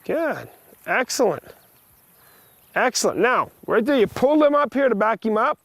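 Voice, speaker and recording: High-pitched male riding instructor calling brisk commands. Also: no echo. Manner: short directives mixed with plain practical explanation. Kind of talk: hands-on riding lesson, instructing a student.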